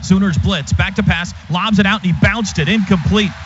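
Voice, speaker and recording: This is a noisy, dull-sounding live radio broadcast in which an American man, speaking in a high voice at a moderate pace, narrates a football game. He works from a stadium booth, following each play in crisp, colorful fragments.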